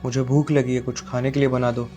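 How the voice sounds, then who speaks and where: An actor plays Sahil, an arrogant, wealthy boyfriend, in a dramatic short film, sounding contemptuous and moralizing and raising his voice when arguing. The young man's medium-pitched voice is warm and natural but flat in delivery, moving at a quick pace over faint music.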